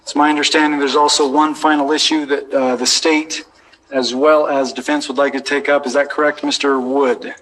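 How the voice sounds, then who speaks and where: A man with an American accent speaking as a judge, giving a measured, deliberate formal ruling from the bench. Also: on the high side, flat delivery, a bit bright, poor audio. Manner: measured, deliberate, procedural phrasing. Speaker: judge presiding over a court hearing. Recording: courtroom recording with background noise.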